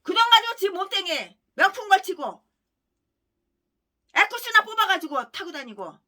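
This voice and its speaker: A woman pastor preaching a fierce denunciation in a very high, piercing voice. Her pitch leaps wildly up and down, and her tone is bright and cutting. She rants relentlessly and breaks into shouts. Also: very animated, normal speed. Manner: vehement, ranting, heavy name-calling, bursts of shouting. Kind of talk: fiery denunciatory sermon.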